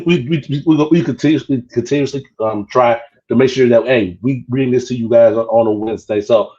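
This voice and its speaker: A man's voice: medium pitch, a little mellow, lo-fi sound. A man hosting a casual podcast chat from a cruise ship, stammering and repeating his words. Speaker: podcast host.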